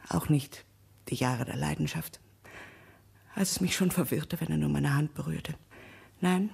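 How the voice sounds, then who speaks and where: In a German radio drama, an actress plays a solemn, blindly loyal middle-aged wife. Her low female voice is husky and often hushed, and the performance is heavily acted.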